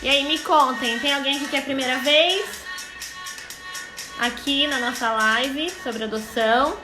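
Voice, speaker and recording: A woman's voice: high-pitched, a little slow, reverberant, over music, low-quality recording. A Brazilian woman in her thirties, a psychologist hosting a casual live stream, welcoming viewers in a chatty way. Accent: Brazilian Portuguese. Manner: chatty, welcoming, thinks aloud. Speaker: host, psychologist. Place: home, on an Instagram live stream.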